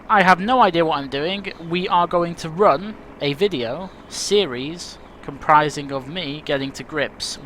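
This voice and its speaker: A man's voice: on the high side, a bit bright. A man hosting his flight simulator video, talking casually to viewers in a chatty, self-deprecating, rambling way. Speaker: flight sim video host. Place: home room with rain and birds heard outside. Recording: faint rain and outdoor noise behind. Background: rain and birdsong.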